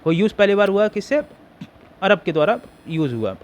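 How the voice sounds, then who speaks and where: An Indian man with a sore throat teaching an exam prep class, reading quiz questions slowly in English and explaining them with lots of fillers. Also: high-pitched, big pitch swings.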